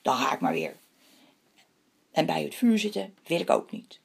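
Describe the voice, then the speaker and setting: A woman reading the part of the male moon as a weary traveler in a storybook tale, with a husky, breathy voice. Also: fairly low pitch, normal speed, darkish tone, heavily acted.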